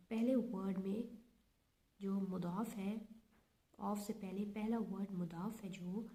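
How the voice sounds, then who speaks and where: A woman's voice: mid-range voice, dark tone. A woman teaching a grammar lesson, stepping through examples methodically and repeating each check aloud.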